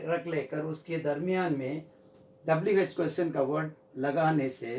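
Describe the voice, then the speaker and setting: Slow, gravelly-voiced man teaching English. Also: high-pitched. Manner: slow, repeats example sentences. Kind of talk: whiteboard grammar lesson. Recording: echoey room, mic far off.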